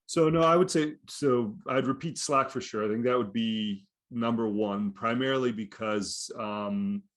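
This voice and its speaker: A man's voice: mid-range voice, measured pace. A man co-hosting a podcast, chatting casually and explaining things at length, with lots of "you know" and "right?" fillers. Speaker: podcast co-host. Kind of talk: casual conversational podcast chat.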